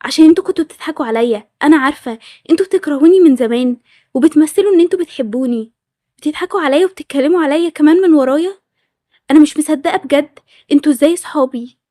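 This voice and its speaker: A woman's voice: sits high, very fast, warm tone, dry recording, clean studio sound, close to an everyday voice. A woman with an Egyptian accent voicing a touchy, suspicious schoolgirl who keeps accusing people. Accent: Egyptian Arabic. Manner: accusing, indignant. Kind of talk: storytelling over animated game scenes.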